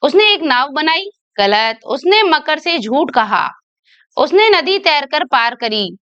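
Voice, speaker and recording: A woman's voice: high-pitched, sing-song, takes it slowly, a bit bright, no echo, dull audio. A woman teacher working through an exam paper, patiently reading out each question and its options. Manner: patient, repeats questions, reads options aloud. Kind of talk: explaining exam answers.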